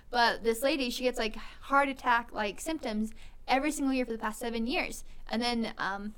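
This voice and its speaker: A woman's voice: on the high side, bright, forceful tone. A woman co-hosting a casual chat, giggly and enthusiastic. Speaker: podcast co-host.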